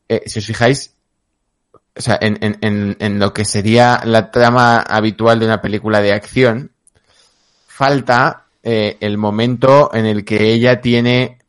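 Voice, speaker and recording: A man, breaking down a film plot in a measured, analytical way in a casual discussion. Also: on the low side. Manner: measured, analytical, many fillers.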